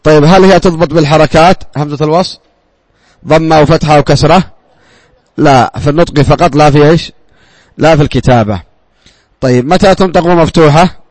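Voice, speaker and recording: A man's voice: a little high, a little fast, pauses often, darkish tone, no echo. Man teaching by question and answer. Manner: asks the class questions and answers them himself; repeats words for emphasis. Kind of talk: classroom grammar lesson.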